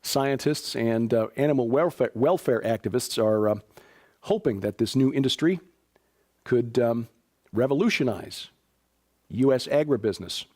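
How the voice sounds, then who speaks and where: A Chicago man hosts a news show, delivering stories and announcements conversationally, with fillers and dry asides, as casual news commentary. His voice is medium in pitch and darkish in tone, at a normal speed.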